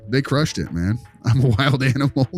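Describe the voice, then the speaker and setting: A man with a husky, medium-pitched voice and lively intonation talks at normal speed while faint music plays behind him. He's a behavior specialist on a podcast panel, casual and wry with plenty of words, taking part in discussion and case role-play.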